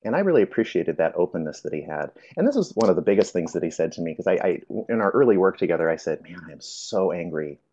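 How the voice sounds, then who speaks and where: A man's voice: deep voice, very animated, very fast, few pauses, mellow, dull audio. A man presenting a workshop, telling his personal story in a reflective, hesitant way with frequent fillers.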